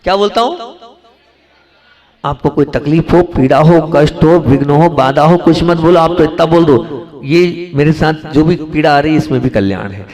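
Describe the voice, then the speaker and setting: A man, a Jain monk giving a sermon, asking the audience questions and repeating phrases, swinging from soft and slow to loud for emphasis. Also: fairly high pitch.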